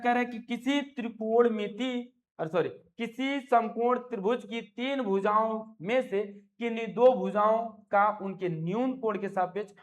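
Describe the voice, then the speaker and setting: A male maths teacher explaining a lesson, coaxing his students with affectionate call-and-response questions and repeated check-ins. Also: high voice. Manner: affectionate, repeats "है ना" and "ठीक है बाबू". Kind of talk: classroom explanation.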